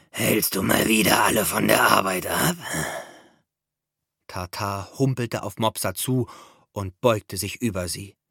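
Man narrating a kids' audiobook, very lively pitch, expressive, dry close sound. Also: no room sound. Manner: expressive, storytelling. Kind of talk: audiobook reading for children.

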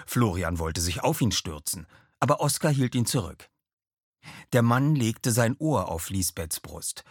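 A man reading a fantasy story aloud in expressive scripted narration. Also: fairly low pitch, unhurried, husky, no echo, clean studio sound. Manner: expressive storytelling, slips into character voices. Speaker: audiobook narrator.

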